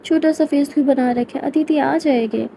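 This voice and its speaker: A woman plays a caring but chiding middle-aged mother in a spoken storybook. The voice is gravelly and mellow, pitched a little high. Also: moderate pace, slight background noise.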